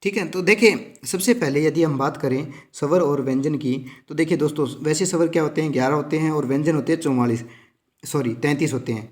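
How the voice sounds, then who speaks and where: Male teacher, slightly high pitch, lesson for exam prep, asks and answers his own questions. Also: brisk. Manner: asks questions and answers them, addresses students as friends.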